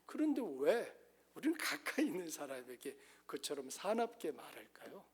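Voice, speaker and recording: Earnest Korean pastor preaching, higher-voiced man. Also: huge pitch swings, normal speed, breathy edge. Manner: earnest preaching, rising to emphatic highs and dropping to soft asides. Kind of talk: sermon.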